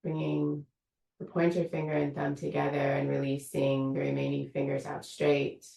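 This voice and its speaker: In a room at an online yoga studio, a woman with a low, gravel-edged voice leads a meditation, unhurried, calming and inviting. Her delivery is monotone, and she is far from the microphone, so the room echoes around her.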